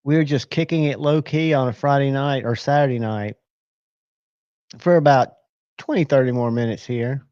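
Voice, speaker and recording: A man's voice: mid-range voice, normal speed, darkish tone, smooth, no room sound, lo-fi sound. A man hosting a casual live stream, rambling and talking to himself as he checks his screens. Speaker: livestream host.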